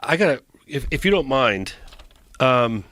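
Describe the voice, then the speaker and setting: A man in a casual podcast chat, halting and eager as he tries to bring up something he insists is important. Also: medium pitch, big pitch swings, a bit bright, dry recording.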